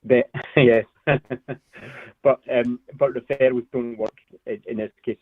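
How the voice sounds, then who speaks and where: A man's voice: medium pitch, steady tone, unhurried, no room sound. A man taking a cold sales call over the phone, polite and hesitant with frequent ums. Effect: heard over a phone line. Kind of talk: casual phone conversation. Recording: tinny dry phone line.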